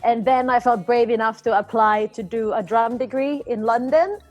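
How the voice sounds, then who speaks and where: Young Finnish-born woman drummer, chatty and upbeat, higher voice, faint music under her speech. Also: normal speed, a little mellow. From Finland. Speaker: interview guest, drummer. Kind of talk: casual interview chat.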